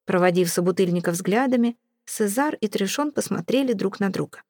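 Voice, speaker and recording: A woman narrating an audiobook in a steady, even storytelling manner. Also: mid-range voice, brisk, dry recording, studio quality.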